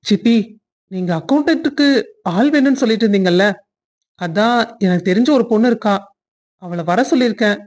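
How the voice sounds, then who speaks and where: A woman voicing a kind young man in a cartoon love story who speaks earnestly and reassures gently. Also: fairly high pitch, a little fast, pauses often, natural voice.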